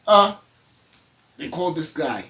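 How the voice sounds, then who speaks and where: A man's voice: fairly high pitch, expressive, slow, creaky, sharp tone. A South African man, a comedian, telling stories casually and animatedly in slangy speech, switching between English and an Nguni language. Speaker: comedian and ventriloquist, guest. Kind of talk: casual comic storytelling.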